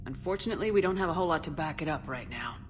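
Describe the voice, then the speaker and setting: A woman's voice: deep voice, animated, rapid-fire, big-room sound, over music. An actress playing a firm, resolute but caring female military commander in a video game cutscene.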